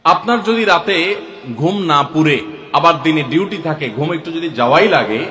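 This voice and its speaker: A man talks through practical religious advice in a conversational, advising tone. His voice sits somewhat high and moves up and down a lot. The sound carries a long, roomy echo. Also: animated, moderate pace, sharp tone. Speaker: religious speaker. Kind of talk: casual religious advice talk. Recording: echoey room with long reverb.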